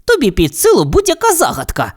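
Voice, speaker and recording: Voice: sits high, wildly swooping pitch, brisk, voice pushed up, full character voice. A greedy, boastful tomcat played by a storyteller, blustering and bossy with a raised voice that swings wildly up and down. He sounds like a cartoon cat from an audio fairy tale, always ready to grab the treasure. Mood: scheming. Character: greedy, hot-tempered tomcat, loud and boastful. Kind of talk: storybook character voice.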